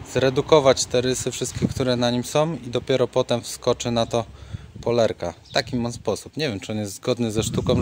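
A middle-aged man casually explaining his car repair work in a home garage, matter-of-fact and relaxed. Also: medium pitch, slight background noise. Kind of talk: casual workshop vlog narration.

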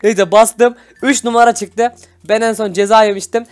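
A man's voice: sits high, fairly even intonation, moderate pace, heavy background noise. A young man hosting a casual Minecraft gameplay video, teasing and bossing his playmate, laughing often and turning to talk to his viewers. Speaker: gaming channel host.

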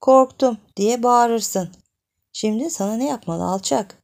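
Here the woman reader pushes her voice up to a fairly high pitch for the jealous young village man, who scolds and demands roughly and gruffly. The lines are gravelly, dark, slightly louder than the narration, measured in pace and demanding in mood.

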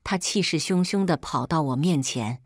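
A woman narrates a first-person story in an expressive, dramatic reading. Her voice sits low but swings widely, and the sound is close and dry with no room around it. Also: normal speed, no room sound.

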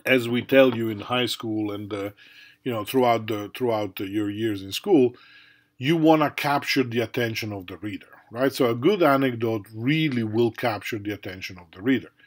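A middle-aged man gives a recorded university lecture in a relaxed, conversational way. His pitch sits at an ordinary middle level. He checks in with the class often and talks around his points with plenty of fillers. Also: normal speed. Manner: conversational, many fillers and tag questions. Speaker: university professor.

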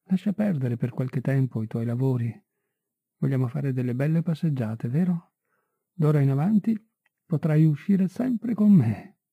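Anxious worried young woman, a man reading her part, gentle pleading, husky, tinny dry audiobook sound. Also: medium pitch, expressive, normal speed, dry recording. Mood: worried, coaxing.

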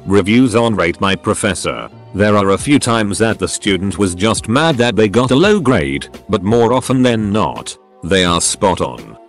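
A man with a fairly low voice reads online posts aloud in a flat, even delivery. Quiet music plays underneath him. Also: moderate pace, few pauses. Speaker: narrator. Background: faint music.

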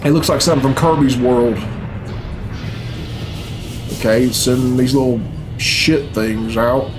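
Game cutscene music and sound run in the background as a thirtysomething reaction video host speaks from a small furnished room at home. His mid-range voice holds a steady tone at a measured pace, and his casual commentary is blunt, grumbling, puzzled, and full of swearing.

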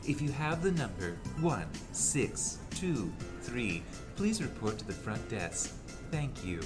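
A man doing a soft lobby PA announcement. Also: medium pitch, sing-song, slow pace, music in the background. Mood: formal. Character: building PA announcer, calm and formal. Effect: soft lobby PA loudspeaker announcement.

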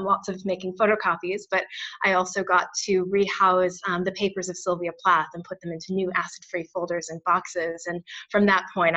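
Presenting a webinar on a video call, an American woman sounds friendly and earnest, using lots of "um" fillers. Her voice is medium in pitch, pushed and bright, and the web call audio is dull and lo-fi.

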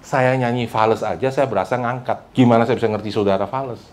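A pastor preaching a sermon to a congregation, mixing Indonesian with English phrases and often calling for responses from the listeners. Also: male voice, fairly quick. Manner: keeps prompting the congregation for responses; animated and emphatic, with big pitch swings. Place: church service before a congregation.

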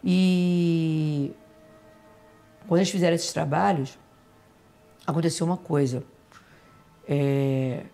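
Woman guest telling her own story, somewhat low-pitched, emotional, stops and repeats herself. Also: warm tone. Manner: emotional, halting, repeats phrases. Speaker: interview guest. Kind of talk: personal storytelling in an interview.

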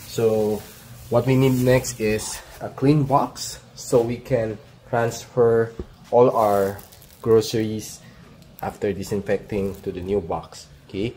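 A thirtysomething man from the Philippines, with a Filipino accent, gives a halting, explanatory how-to demonstration for his vlog. His voice is warm, fairly low, and fairly even in intonation. He shoots it on a handheld phone in an outdoor paved yard or home garage, with clear ambient noise on the video.

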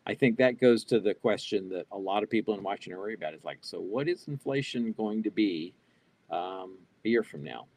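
Reading audience questions aloud during a live online Q&A, an older keynote presenter answers spontaneously, with fillers and restarts. His fairly low, darkish voice has lively intonation and a fairly quick pace. He's on a video call via wired earbud headset from a small home office, with no echo.

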